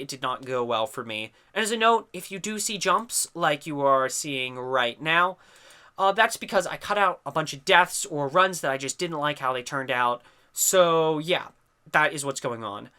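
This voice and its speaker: A man's voice: on the high side, sharp tone, smooth. A young man with a stuffy, congested voice giving chatty, explanatory commentary over gameplay footage. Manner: chatty, explanatory, trails off with "I don't know". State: stuffy from a sinus infection. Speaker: gaming commentator. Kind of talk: recorded game commentary.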